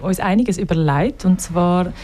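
A chatty Swiss woman hosts a live radio show from a studio. Her voice is mellow and soft-edged, and she laughs easily between filler words. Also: on the low side, a little slow. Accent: Swiss German.

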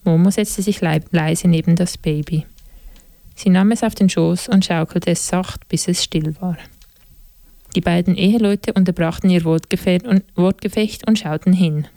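Gravelly, low woman narrating an audiobook. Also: normal speed, dry recording. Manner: calm, steady reading, occasional slips and self-corrections.

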